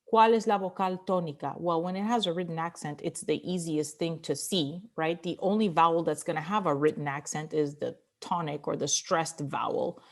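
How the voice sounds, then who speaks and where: A woman teaching Spanish grammar in a lecture. She switches between Spanish and English and repeats words slowly to model their stress. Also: low-pitched, steady tone.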